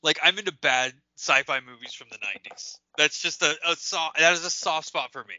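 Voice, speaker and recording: Bright, sharp-toned man chatting on a podcast. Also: on the high side, animated, a little fast, no room sound. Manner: enthusiastic, stammering restarts, says "like" a lot. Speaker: podcast co-host. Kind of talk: casual movie review chat. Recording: dry, dull lo-fi podcast audio.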